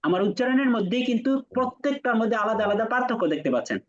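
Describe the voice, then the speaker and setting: High-voiced man teaching in a dull recording. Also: expressive. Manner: explains patiently, repeats letter names slowly for comparison; asks students rhetorical questions. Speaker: Quran teacher. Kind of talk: classroom lesson.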